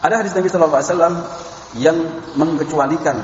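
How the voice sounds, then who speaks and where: A man's voice: on the high side, racing. A man giving an Islamic lecture, reciting Arabic verses, addressing listeners as sir and madam, and telling anecdotes. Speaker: Islamic preacher lecturing a class. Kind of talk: religious lecture on halal food. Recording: echoey hall, muffled, faint background noise.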